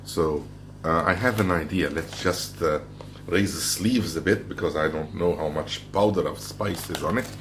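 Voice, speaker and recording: A man with a low voice reviews snacks casually at normal speed, handling and crunching chips as he talks in an off-the-cuff vlog style. He is from outside the Philippines, and the background is clearly noisy.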